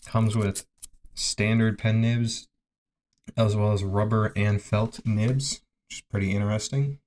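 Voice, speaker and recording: A man giving a casual, unscripted product review in a low-key, halting way, thinking aloud, his mouth sore after oral surgery. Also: darkish tone. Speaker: presenter reviewing a gaming tablet.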